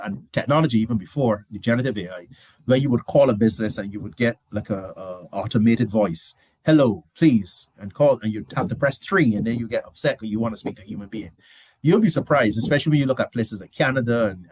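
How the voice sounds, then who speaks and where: A man's voice: medium pitch, darkish tone, husky, no room sound. A man giving a conversational business presentation, restarting phrases and adding rhetorical asides. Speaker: guest lecturer.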